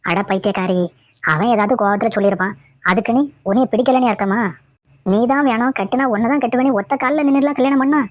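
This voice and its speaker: A woman's voice: on the high side, fast, no echo, natural voice. A woman voicing a nagging cartoon mother-in-law. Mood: scolding. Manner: scolding, repetitive nagging. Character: scolding middle-aged mother-in-law, nagging and fussy. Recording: dull lo-fi dry audio.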